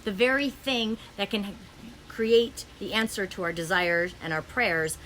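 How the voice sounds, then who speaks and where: A woman hosting a podcast, speaking fast in a flowing spiritual monologue with many ums and restarts, recorded in a friend's home. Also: mid-range voice, fairly bright tone, slight background noise, poor audio. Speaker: podcast host.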